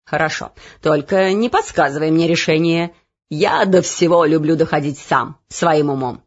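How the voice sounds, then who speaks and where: A woman voicing a pompous, self-assured king in a storybook reading, lower and louder than her narration. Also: normal speed, breathy edge, muffled recording. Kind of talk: audiobook reading.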